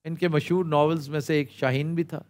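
Dry older host, fairly high voice. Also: male voice, steady tone, fairly quick, darkish tone. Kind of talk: casual chat on a quiz panel. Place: TV studio set.

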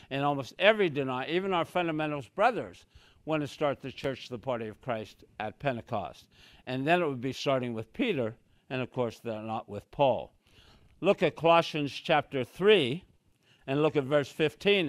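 In a dry recording, a medium-pitched older man delivers an expository Bible lesson in a small church room. The Bible teacher talks from a podium mic, often stepping away from it, and gestures with both hands as he emphatically repeats key phrases, especially "so very clearly."

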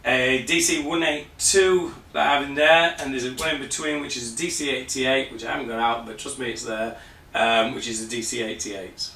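A man walks through a technical demonstration. His voice is slightly worn and bright-edged, and he fills his pauses with "um" as he goes. He sounds a few steps from the mic in a roomy space. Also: medium pitch, fairly even intonation, creaky, slight background noise. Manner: hesitant, many fillers and restarts, explaining patiently. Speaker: presenter of a parts store video. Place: shop or workshop room. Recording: roomy sound from a distant camera.

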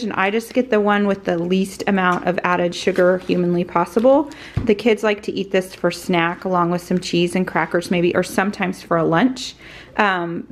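A middle-pitched woman in her forties talks through a grocery haul in a relaxed, chatty way, pausing on fillers as she lists items and prices. She speaks into a handheld camera held at arm's length in a home kitchen. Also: a little hiss or hum. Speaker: family vlogger.

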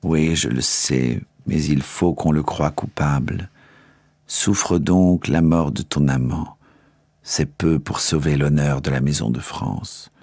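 A man voicing a dying young king who speaks low, slow and hushed. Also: breathy edge, dry recording, clean studio sound, exaggerated voice. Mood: grave, hushed.

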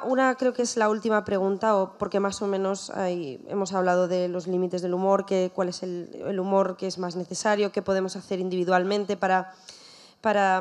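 Woman moderator, Andalusian accent, hesitant phrasing. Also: mid-range voice. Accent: Andalusian Spanish. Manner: hesitant, searching for words. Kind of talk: panel discussion.

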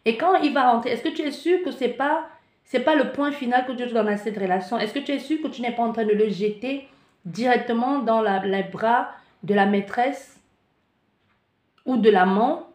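Recorded in an echoey room, a woman with a voice on the high side and a moderate pace reads tarot cards for spiritual guidance. She speaks with animation, often restarts or gropes for words, and acts out the listener's panic in asides.

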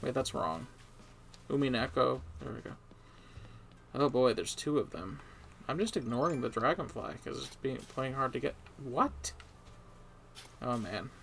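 A man's voice: mid-range voice, expressive, a little slow, gravelly, pauses often, a bit bright, a little hiss or hum. A man streaming a video game, grumbling sarcastically and talking to himself and the characters as he plays. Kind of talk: casual gameplay commentary.

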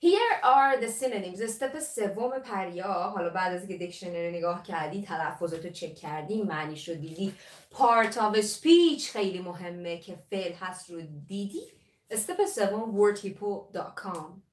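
A woman English teacher giving a lively live lesson, mixing Persian and English and drilling the pronunciation of words. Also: mid-range voice, distant mic. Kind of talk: live online language lesson. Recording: roomy echo, voice from off the mic.

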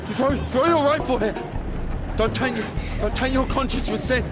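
Desperate young man, video game, shouting, very high voice, loud music. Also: normal speed, over a noisy crowd. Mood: frantic. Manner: shouting, frantic.

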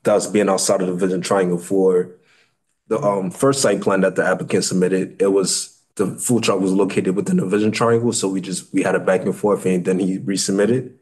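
Male, 30s, American, lowish voice. City planner giving a formal, slightly halting slide presentation. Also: little pitch movement, darkish tone. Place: indoor meeting room at a table.

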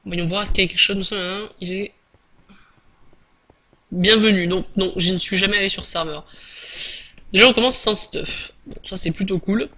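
A man's voice: high voice, normal speed, long pauses, sharp tone. A man giving casual, chatty gameplay commentary, hesitant with many fillers and restarts. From France. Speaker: gaming YouTuber.

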